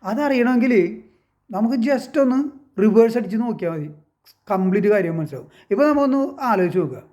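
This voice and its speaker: A man with a notably high voice talks straight to his viewers in a loose, casual monologue. He retells a story step by step, pausing to ask whether they follow. He often poses questions and then answers them himself. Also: expressive, darkish tone. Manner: rhetorical, keeps asking if listeners understand. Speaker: online commentator.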